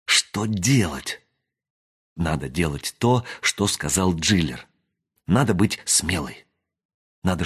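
A man reading a fantasy novel aloud as an audiobook narrator, expressive and doing voices for the characters. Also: deep voice, slightly rough. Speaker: audiobook reader.

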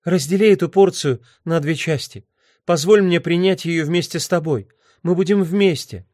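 A man voicing a calm, earnest woman missionary who pleads gently, in an audiobook reading. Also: on the low side, normal speed, no room sound, clean studio sound, pitched above the performer's own voice, lightly acted. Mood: pleading.

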